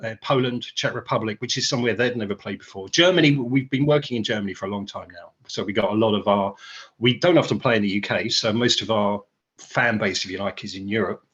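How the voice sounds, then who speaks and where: A British guitarist speaks in a somewhat low voice, telling his story in loose, rambling interview chat. He fills gaps with ums and uhs and restarts his sentences. The audio sounds dull and lo-fi, like a remote call. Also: fast, fairly bright tone. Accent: British English. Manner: rambling, many fillers and restarts.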